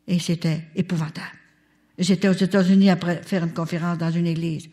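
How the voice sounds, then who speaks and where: A woman's voice: fairly low pitch, brisk. Older woman with a Canadian French accent. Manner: animated, talks straight to the audience. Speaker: speaker at a religious retreat. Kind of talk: testimony storytelling.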